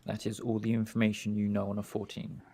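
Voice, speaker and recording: A woman running a tabletop game as game master, describing the setting in a measured, plain way. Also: rumbling low, monotone, gravelly, warm tone, slight background noise.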